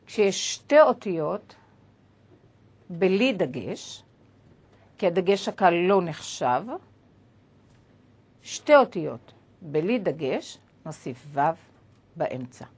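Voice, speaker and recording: A woman teaches a lesson with a slightly husky voice. Her pitch rises and falls a lot as she explains. She goes step by step and spells out letters one at a time. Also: very animated, long pauses, darkish tone.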